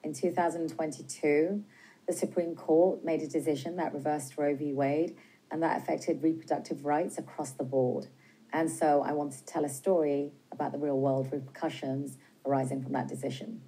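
A British film director in her forties answers interview questions earnestly in a TV news studio, wearing a lapel mic. Her low voice stays fairly even, with a dark, breathy tone, though the recording is rough. She speaks in a measured way with some hesitations.

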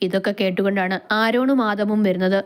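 A woman's voice: mid-range voice, a little fast, clear, resonant tone. A woman with a Malayali accent narrating a romance story aloud, reading it dramatically and giving each character a voice.

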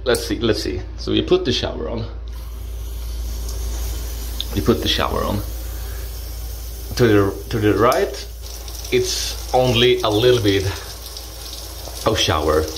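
Recorded on an action camera strapped to his body, a man narrates a home tour of his small apartment, moving through the bathroom and kitchen. The low-quality audio carries some hiss or hum, and his slow, low, creaky voice comes out hesitant, full of restarts and playful asides.

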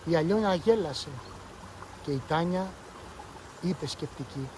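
A man reading a short story aloud in a calm storytelling manner. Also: a little high, a little hiss or hum. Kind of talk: scripted narration.

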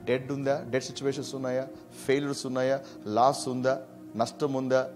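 A man teaching a verse-by-verse Bible study, preaching emphatically and swinging between loud bursts and soft asides. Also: medium pitch, little pitch movement, a little fast, faint music behind.

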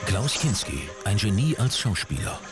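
A male narrator delivers a scripted TV voice-over. His pitch is low and moves around in an animated way, with clear music underneath. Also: moderate pace.

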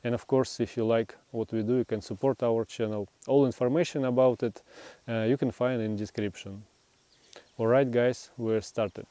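A man in his thirties with a Russian accent, introducing his vlog in simple, halting English, recorded outdoors with a lapel mic. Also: mid-range voice, steady tone, mellow, dry recording. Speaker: vlogger. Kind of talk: casual vlog intro and interview. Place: outdoors on a rural overlook.

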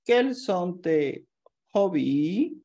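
Very slow, mellow-voiced woman teacher. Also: fairly low pitch, big pitch swings. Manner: slow, careful reading of example sentences. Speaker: language teacher. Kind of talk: slow scripted grammar lesson.

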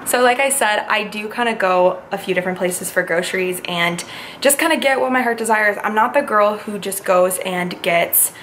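Filmed at her kitchen counter on a handheld camera held at arm's length, this young woman vlogger chats casually about her grocery haul in an upbeat, filler-heavy way. Her mid-range voice is fairly bright and moderately paced, and the rough recording carries slight background noise.

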